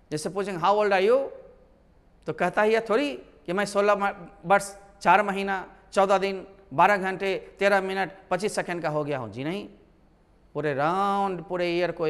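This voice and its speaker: A man's voice: sits high, fairly bright tone, long reverb tail. A man teaching spoken English in a classroom lesson, drilling example questions and answers. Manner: instructive, repeats and drills example sentences.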